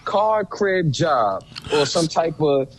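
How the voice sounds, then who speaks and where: A man's voice: fairly high pitch, very animated, slow pace, a little hiss or hum, low-quality recording. A man from Brooklyn, a guest telling casual, streetwise stories with plenty of swearing. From Brooklyn, New York. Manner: laid-back, streetwise, profane. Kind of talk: casual storytelling chat.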